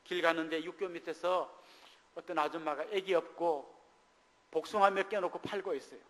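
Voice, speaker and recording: A middle-aged man preaches from the pulpit, his fairly high voice carrying through the long reverb of a church hall. He tells a personal testimony and acts out the voices of the people in his story. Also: fairly even intonation, normal speed, a bit bright. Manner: storytelling testimony, acting out quoted dialogue. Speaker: pastor. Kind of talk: sermon. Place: church sanctuary.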